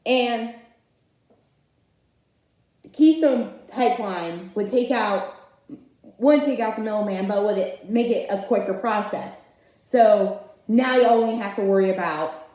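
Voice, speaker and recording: A woman's voice: mid-range voice, warm tone. A woman hosting her own channel, giving an opinionated political commentary rant that rambles and often restarts. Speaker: channel host. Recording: very echoey room.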